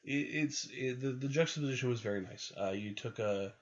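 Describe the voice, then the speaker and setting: A man's voice: medium pitch, brisk. A man co-hosting a podcast, talking casually and often hedging and correcting himself. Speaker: podcast co-host. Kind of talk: casual chat. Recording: dull lo-fi recording.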